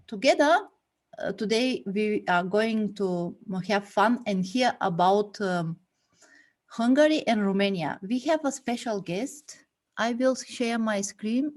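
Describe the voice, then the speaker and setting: A woman hosts an online meetup over a video call. She speaks slowly and carefully, pausing often on fillers as she walks the group through the agenda. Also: mid-range voice. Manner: slow, hesitant, many fillers. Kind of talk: hosting a video call meeting.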